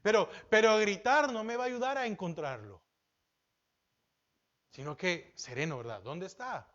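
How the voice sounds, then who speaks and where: A man with a Salvadoran accent preaching a sermon as pastor, asking the congregation questions and swinging between emphatic peaks and low asides. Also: moderate pace, a bit bright, muffled recording. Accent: Salvadoran Spanish.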